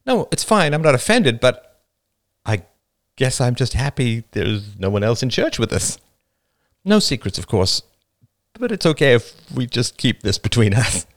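A man voicing a restless, punchy teenage girl in an audiobook reading, animated and self-mocking. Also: mid-range voice, unhurried. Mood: earnest.

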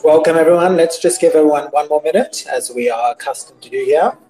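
A man's voice: fairly high pitch, fast talker, warm tone, soft background music, low-quality recording. A man hosting a casual group call interview show in a polite, welcoming manner. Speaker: host of an online NFT project interview show.

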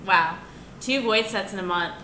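Young woman cohosting a podcast, excited casual chat, mid pitch, lots of noise behind her. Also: moderate pace. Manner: enthusiastic. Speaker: podcast co-host. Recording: roomy echo, clear background noise.

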